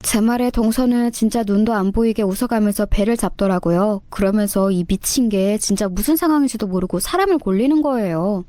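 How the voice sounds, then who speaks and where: A woman narrating a dramatic family story in first person, lively and acting out her own retorts. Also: medium pitch, brisk, hardly any pauses, dry recording, clean studio sound.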